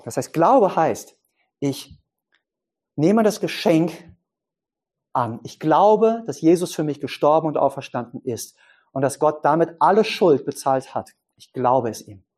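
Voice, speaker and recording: A man preaching a sermon who puts questions to his congregation and explains his points with simple images. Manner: pitch swings up for emphasis and drops low for quiet points.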